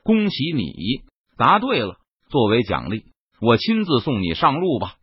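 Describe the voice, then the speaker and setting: A man voicing a ruthless young swordsman who sneers at his enemies in an icy, low voice, on a muffled lo-fi recording. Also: huge pitch swings, unhurried, husky, full character voice. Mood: sneering.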